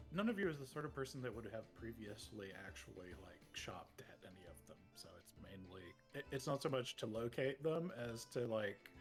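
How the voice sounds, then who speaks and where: A man running a tabletop game as game master, talking in a relaxed, hesitant way and laughing between lines. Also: fairly low pitch.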